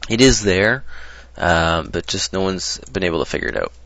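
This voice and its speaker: Brief: deep, gravelly man, loose rambling tutorial delivery, dull dry lo-fi recording. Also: expressive, moderate pace, a bit bright, no room sound. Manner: rambling, hesitant, lots of ums and restarts. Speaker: modding tutorial presenter. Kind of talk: casual screen-recorded tutorial.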